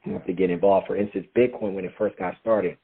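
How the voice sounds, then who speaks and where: A man with a lower voice walks listeners through a process on a call. He is emphatic and poses questions only to answer them himself. The sound is narrow and tinny, like a phone line. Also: fairly even intonation, fairly quick, creaky, slightly rough. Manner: emphatic, answers his own rhetorical questions. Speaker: guest speaker explaining crypto. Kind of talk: explanatory call talk.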